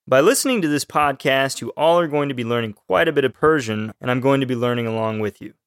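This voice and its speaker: A man from Texas, co-hosting a scripted language podcast as the student and reading his lines in an even delivery. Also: mid-range voice, fast talker, smooth, dry recording, clean studio sound. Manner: even, read-aloud delivery. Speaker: student co-host.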